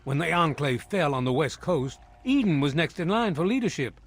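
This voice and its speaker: A man playing a stern, proud military villain officer in a video game, speaking in a formal, deliberate, haughty way. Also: fairly high pitch, sing-song, husky, heavily acted. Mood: wary, reconsidering. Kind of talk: dramatic video game dialogue.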